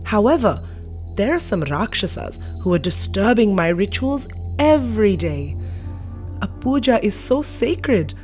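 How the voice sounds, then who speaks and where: A woman voicing a mighty, stern old male sage in a children's story, booming and scolding. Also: a little mellow, lightly acted.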